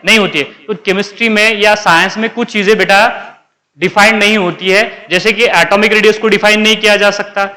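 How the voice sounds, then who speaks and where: A man's voice: sits high, fairly even intonation, brisk, pushed and bright. A man teaching chemistry in a classroom, often asking the class questions and then answering them himself. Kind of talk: classroom lecture.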